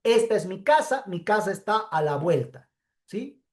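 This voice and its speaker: A woman teacher's medium-pitched voice carries lively intonation as she gives a pre-recorded lecture. She explains slowly and step by step, and she keeps checking in with her students using "¿sí?".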